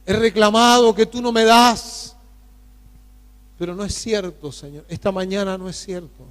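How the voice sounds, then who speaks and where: Male pastor, high and unhurried, pleading prayer in an echoing church hall. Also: fairly even intonation. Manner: fervent, pleading prayer with many pauses. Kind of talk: prayer during a sermon. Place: church sanctuary.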